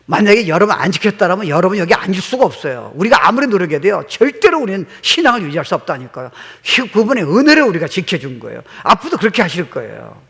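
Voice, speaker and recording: A man's voice: high-pitched, sing-song, quick pace, gravelly, hardly any pauses, fairly bright tone, slightly rough. A middle-aged male pastor preaching a sermon, telling stories animatedly and mixing in English words. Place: church sanctuary. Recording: long hall reverb.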